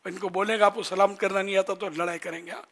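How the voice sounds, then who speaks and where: An older man with a Pakistani Urdu accent, giving a religious talk to an audience in a conversational teaching manner, slowly demonstrating phrases. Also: high-pitched, flat delivery, a bit bright. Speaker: religious scholar.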